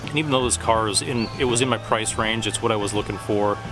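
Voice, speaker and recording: A man in his forties rambling casually to a camera at arm's length outdoors in the woods, haltingly thinking aloud and trailing off. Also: on the low side, over music. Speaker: pipe-smoking vlogger. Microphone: camera at about arm's length.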